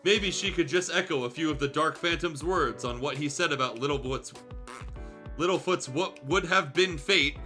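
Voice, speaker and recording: Over background music, a man with a slightly high voice reads fan fiction as a streamer. His tone is bright and forceful, his pace moderate, and his dramatic narration stays casual, broken up by asides and minor self-corrections.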